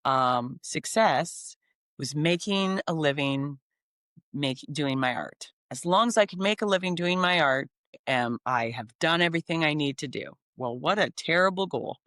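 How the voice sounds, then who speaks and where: A woman's voice: sits low, animated, unhurried, fairly bright tone, dry recording. Woman, 40s, from Canada, singer-songwriter guest, upbeat, enthusiastic, filler-heavy chat, dry close sound. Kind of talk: casual interview chat.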